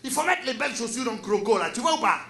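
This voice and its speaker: A man voicing a smooth-talking African man with a West African French accent, giving flowery, boastful dating advice. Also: extremely high pitch, big pitch swings, fast talker, pushed and bright, reverberant, heavily acted. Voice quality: grandiose, flowery, emphatic.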